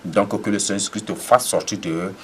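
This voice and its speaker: A man's voice: sits low, a little fast, slight background noise. A man, preaching and praying with commanding, repetitive declarations and sudden emphatic rises. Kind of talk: deliverance prayer and preaching.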